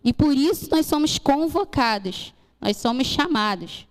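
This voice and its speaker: A woman's voice: sits high, animated, measured pace. A young woman giving an earnest testimony sermon in church, acting out dialogue as she tells the story. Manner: earnest storytelling, acts out dialogue, addresses congregation as "gente". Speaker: church speaker sharing mission testimony. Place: church hall. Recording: church hall with long reverb.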